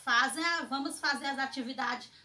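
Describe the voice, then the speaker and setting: Brazilian preschool teacher, woman, bright high voice, slow drawn-out sing-song delivery, echoey room, distant mic. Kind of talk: online class for small children.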